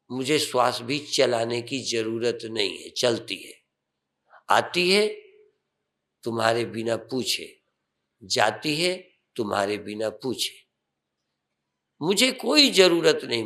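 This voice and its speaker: An older swami guides listeners through meditation in an unhurried, calm voice. His delivery is slow, and a gravelly fry runs through his tone. He lifts certain phrases for emphasis. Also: mid-range voice.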